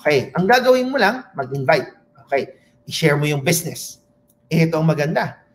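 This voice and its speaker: Man, from the Philippines, high-pitched, seminar sales pitch, mixes in English, calls for applause. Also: big pitch swings, normal speed. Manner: asks and answers his own questions, calls for applause; mixes English phrases into his talk. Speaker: seminar presenter.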